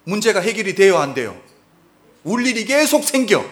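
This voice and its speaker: A male pastor delivers an animated sermon in a high voice that leaps up and down. He keeps asking the congregation questions and shifts from loud emphasis to near-quiet asides. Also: moderate pace. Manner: animated preaching, asks the congregation questions, swings between loud and soft. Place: church sanctuary.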